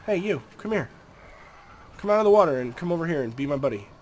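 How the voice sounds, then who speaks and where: Quick and animated, a slightly high male voice comes through a rough recording with slight background noise. The young commentator is nasal and congested from a cold, keeping up easygoing, chatty talk over his game and addressing its creatures.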